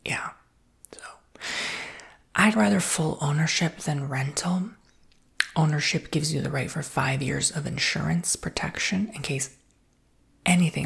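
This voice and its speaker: A woman whispers breathily, a creak underneath, in an ASMR roleplay of casual, reassuring sales patter. Her voice sits low.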